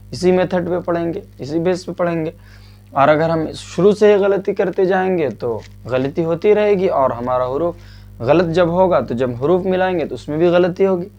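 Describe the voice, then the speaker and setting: A man's voice: a little high, a little mellow. Patient man teaching Quran reading. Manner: patient, asks and answers own questions; drills letter sounds slowly. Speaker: religious teacher.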